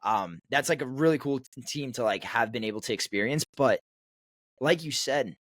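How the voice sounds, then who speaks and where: Young man, podcast co-host, rambling casual chat, mid pitch, dry close mic. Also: animated, moderate pace, fairly bright tone, no echo. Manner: rambling, filler-heavy storytelling.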